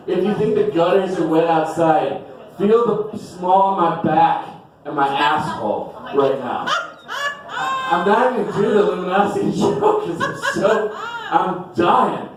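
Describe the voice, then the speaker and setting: A male stand-up comedian rambling through a self-deprecating set, sweating heavily, with bursts of shouted high voices. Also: distant mic. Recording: echoey venue mic heard from afar with crowd. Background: audience.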